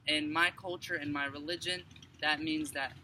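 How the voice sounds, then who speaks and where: A man's voice: fairly high pitch, fairly even intonation, moderate pace. A man from Morocco in a casual street conversation, rambling with many fillers and restarts. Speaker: passerby sharing his view. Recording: distant mic with background noise.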